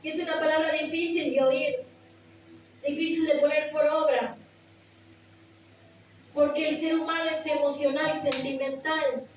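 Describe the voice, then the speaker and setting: A woman's voice: high voice, flat delivery, measured pace, long pauses, a little hiss or hum. A woman preacher giving an earnest sermon that rises to impassioned emphasis, recorded in a church. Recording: very echoey church hall, mic far off.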